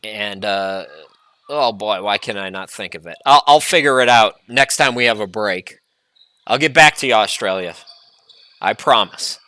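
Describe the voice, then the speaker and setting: A man calling a basketball game play-by-play, chatty and prone to rambling asides between excited calls. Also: fairly low pitch, normal speed, clear, resonant tone, no echo. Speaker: play-by-play announcer.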